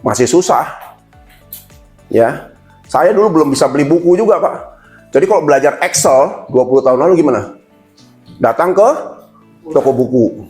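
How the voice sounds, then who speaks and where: A man's voice: on the high side, normal speed, long pauses, soft background music. A man giving a motivational seminar talk, addressing the audience directly and acting out little quoted exchanges. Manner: lively, addresses listeners as "Pak", acts out quotes. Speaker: motivational speaker.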